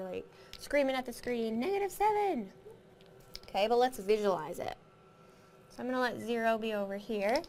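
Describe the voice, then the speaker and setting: A woman's voice: on the high side, darkish tone, slight background noise. A woman teaching a recorded math lesson, explaining step by step, counting aloud and asking the class questions.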